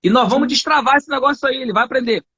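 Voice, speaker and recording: A Brazilian man teaching English on a live stream, emphatic and full of slang. His voice is very high and bright, with a forceful edge. The recording sounds somewhat dull and lo-fi. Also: rapid-fire, breathy edge. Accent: Brazilian Portuguese.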